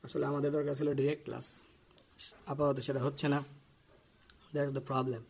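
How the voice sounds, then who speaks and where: A man teaching English pronunciation to a class, slowly repeating each word and mixing Bengali with English. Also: medium pitch, level tone, gravelly, a little mellow, breathy edge. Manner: switches between Bengali and English.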